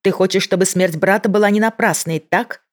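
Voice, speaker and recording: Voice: medium pitch, a little fast, pitched above the performer's own voice, lightly acted. A reader voicing a female agent who keeps her voice in check while negotiating with a bomber. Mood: tense. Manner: controlled, pleading, restrained. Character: tense female federal agent, holding her voice steady. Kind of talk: audiobook character voice.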